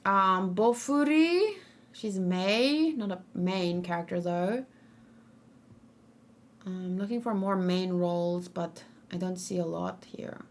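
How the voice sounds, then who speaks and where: Speaking slowly in a lowish voice, a young woman streams her live reaction to a game character. She chats casually, reads viewer comments aloud and rambles with frequent fillers.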